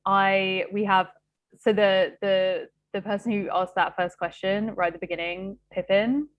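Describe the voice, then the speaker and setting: A woman's voice: mid-range voice, fairly even intonation, measured pace, muffled recording. Bubbly young woman host. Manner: bubbly, rambling, filler-heavy. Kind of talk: live-stream book chat.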